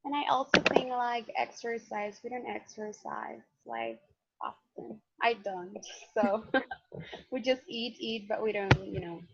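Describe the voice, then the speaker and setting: Young woman, bit of vocal fry, kinda hesitant, dull lo-fi call sound. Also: a little high, animated, unhurried, fairly bright tone, no echo. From El Salvador. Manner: hesitant, searching for words. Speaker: student. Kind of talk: casual group discussion. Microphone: video call. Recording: dull lo-fi video call audio.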